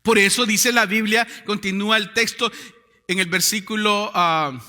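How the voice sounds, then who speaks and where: A man preaching a sermon as pastor, calling out to his congregation to repeat words, swinging from loud proclamations to quiet low lines. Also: steady tone, normal speed. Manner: preaching with call-and-response to the congregation. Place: church sanctuary. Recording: church hall reverb.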